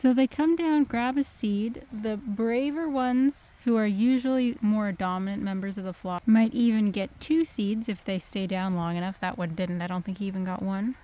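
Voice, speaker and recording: A woman's voice: mid-range voice, moderate pace, few pauses, dark tone, dull audio, a little hiss or hum. A woman vlogging casually outdoors in the woods, coaxing wild birds and talking to them. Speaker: nature vlogger. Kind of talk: casual outdoor vlog narration.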